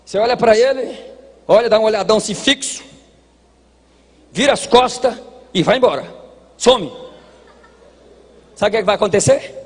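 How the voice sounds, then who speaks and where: A Brazilian man preaching a sermon at a church congress, folksy and joking, dropping to quiet asides and rising to shouted exhortation. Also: high-pitched, expressive, normal speed, pauses often, breathy edge. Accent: Brazilian Portuguese. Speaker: pastor. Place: large church hall at a congress. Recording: hall reverb, long echo.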